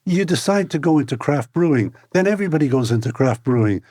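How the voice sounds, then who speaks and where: A man's voice: fairly high pitch, lively intonation, fast talker, dark tone, dry recording, studio quality. A man hosts a conversational interview in short punchy sentences, teasing and dramatising as he goes. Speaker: interviewer, host.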